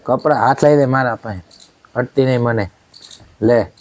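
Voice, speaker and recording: A man's voice: mid-range voice, normal speed, a little mellow. Man, angry husband in a home drama, scolding and accusatory, keeps demanding "right?".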